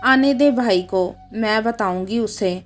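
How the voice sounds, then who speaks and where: A woman's voice: on the high side, slow pace, soft background music. A woman voicing a resentful, complaining young unmarried sister in a read-aloud story. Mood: indignant. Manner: complaining and indignant.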